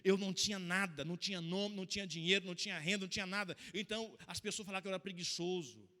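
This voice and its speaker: A Brazilian pastor preaching a sermon, telling his own story with emotional, emphatic swings in volume. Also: high-pitched. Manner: emotional storytelling preacher, rising to loud, slow emphatic lines. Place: church hall. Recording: long church-hall reverb.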